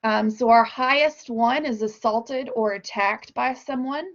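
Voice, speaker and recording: A woman gives an explanatory slide presentation, walking through figures point by point in a measured way. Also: fairly high pitch. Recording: dull, lo-fi online meeting audio.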